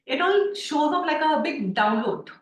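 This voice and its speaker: A woman's voice: sits high, animated, measured pace, far from the mic, a little hiss or hum. A woman teaching an online class, telling stories with lots of fillers, heard over a video call. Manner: chatty storytelling with many fillers. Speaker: class facilitator. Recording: roomy, off-mic video call.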